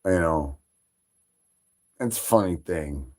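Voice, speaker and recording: A man from Chicago chatting loosely on a livestream, profane and rambling, with plenty of fillers and shout-outs. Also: low voice, expressive, slow pace. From Chicago, Illinois. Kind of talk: rambling casual stream chat.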